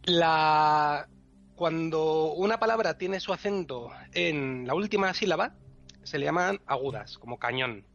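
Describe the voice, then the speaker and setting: A man's voice: fairly high pitch, a little slow, gravelly, a bit bright. A man explaining language rules to a co-host in a patient, teacherly way, with frequent chuckles. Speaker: language section guest. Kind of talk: explanatory podcast chat. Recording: dull lo-fi podcast recording with faint music.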